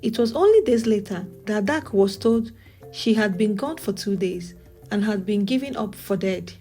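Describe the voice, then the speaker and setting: A Nigerian woman storyteller reads a folktale in a measured, dramatic way. Her voice is mellow and warm, not bright. Soft music plays faintly underneath. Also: medium pitch. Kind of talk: scripted folktale narration.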